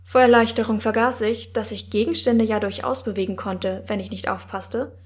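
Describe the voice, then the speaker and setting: A woman narrating a first-person fantasy audiobook in a wry, measured manner. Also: mid-range voice, fairly even intonation.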